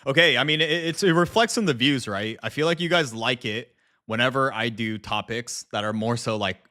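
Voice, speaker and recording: A man's voice: mid-range voice, moderate pace, bright, forceful tone. A man livestreaming in a casual chat with viewers, speaking informally with slang and some swearing. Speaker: live streamer and video creator.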